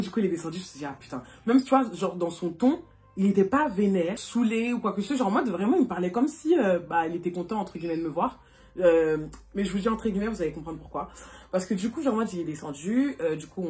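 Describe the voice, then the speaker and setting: Fast-talking chatty young woman. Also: fairly low pitch. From France. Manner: animated, chatty, lots of fillers and laughs. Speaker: vlogger. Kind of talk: casual storytime. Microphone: phone.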